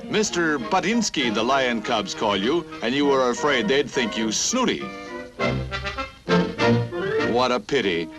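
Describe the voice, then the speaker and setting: A man narrating a 1950s newsreel in a brisk, punchy announcer style, dramatic on serious stories and jokey on light ones. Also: mid-range voice, very animated, rough recording. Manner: brisk, punchy announcer delivery with playful asides. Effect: old newsreel recording. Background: music.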